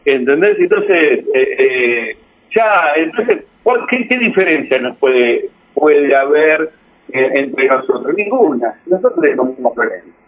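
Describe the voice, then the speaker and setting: A man's voice: fairly high pitch, animated, measured pace, slightly rough, phone-quality sound. A man with an Argentine accent chatting casually as a guest, rambling and restarting his sentences. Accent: Argentine Spanish. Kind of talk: casual conversation.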